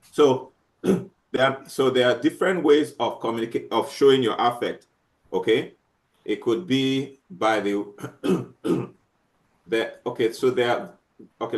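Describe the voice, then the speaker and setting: Halting male teacher giving a lecture. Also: medium pitch. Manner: halting, many restarts and fillers, checks understanding often. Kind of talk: classroom lecture.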